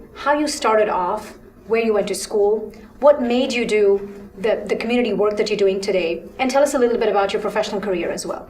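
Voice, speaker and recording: A woman's voice: medium pitch, a little mellow, echoey room. Polished female interview host. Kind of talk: scripted interview hosting.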